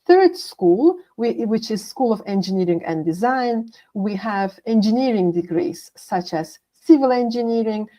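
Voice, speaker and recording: A woman's voice: fairly high pitch, lively intonation, measured pace, hardly any pauses, mellow. A woman working as a university international manager, giving a scripted presentation and methodically listing course names.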